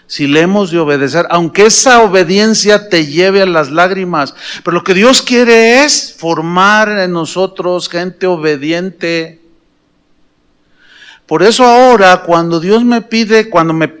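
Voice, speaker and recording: A man's voice: high voice, fairly bright tone, smooth. A middle-aged man with a Mexican accent preaching a sermon, telling a personal story with humor and questions to the congregation. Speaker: pastor.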